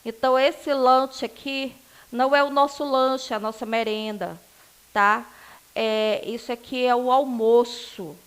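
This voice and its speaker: High-pitched female english teacher, chatty, digresses a lot, teases students in a recorded class. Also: steady tone, a little slow, fairly bright tone, smooth. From Northeast Brazil. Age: adult, married.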